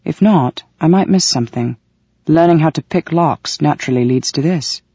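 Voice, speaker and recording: Reader voicing a cool, scheming man in authority, calm and wry, mellow voice, audiobook. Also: fairly high pitch, moderate pace, husky, dry recording, lo-fi sound. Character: cool, calculating male official, dryly amused. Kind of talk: audiobook reading.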